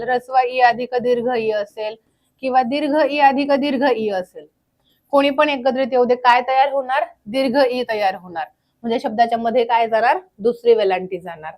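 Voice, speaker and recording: Young female teacher, a bit high-pitched, runs a repetitive grammar drill. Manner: questions the class and answers herself; drills slowly, repeating terms. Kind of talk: grammar lecture.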